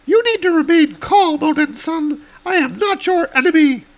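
A man voicing a stern young warrior woman from a comic, in a much higher voice with formal, measured speech. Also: low-quality recording. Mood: stern calm.

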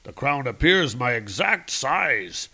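A man's voice: mid-range voice, sing-song, takes it slowly, creaky, sharp tone, breathy edge, full character voice. A man voicing a stout, greedy, blustering male warrior.

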